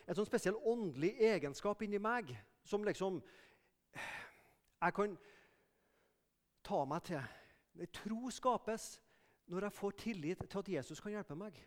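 High-voiced man preaching in a hall. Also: darkish tone. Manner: earnest, conversational preaching with emphatic raised calls. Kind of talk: sermon. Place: mission hall. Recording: reverberant hall.

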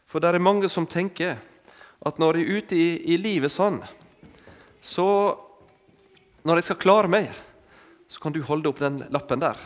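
Pausing often, a man whose voice is on the high side preaches an interactive sermon with props. He invites volunteers up for an object lesson and coaxes them with brief commands he keeps repeating, all under long hall reverb.

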